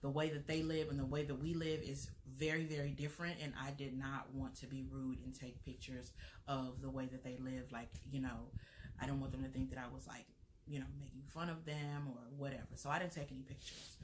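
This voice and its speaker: A woman's voice: a bass voice, little pitch movement, brisk, a little mellow, a little hiss or hum. A young American woman with an American accent, chatting casually as a travel vlogger, rambling with lots of fillers and restarts. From United States. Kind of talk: casual chat.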